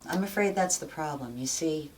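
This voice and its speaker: A woman's voice: deep voice, lively intonation, normal speed, heavy background noise. A woman hosting a talk show, explaining things candidly and checking in with "okay?" as she goes. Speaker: show host. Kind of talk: frank casual talk.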